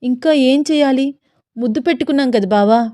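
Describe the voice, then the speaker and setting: A woman's voice: high voice, a little fast, dark tone, no echo, studio quality, pitched above the performer's own voice, close to an everyday voice. A woman voicing a shy, nervous young newlywed wife who sounds coy and pleading.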